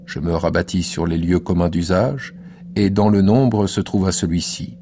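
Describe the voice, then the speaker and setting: A man giving a measured, intimate and theatrical radio reading of a classic novel in the first person. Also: sits low, fairly even intonation, mellow, soft background music. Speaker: reader.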